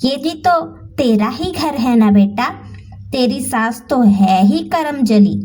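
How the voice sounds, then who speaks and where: A woman voicing a nagging, scolding older mother-in-law who shouts at her daughters-in-law, heard from a distant mic. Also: a little high, lively intonation, slow pace, slight background noise. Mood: doting.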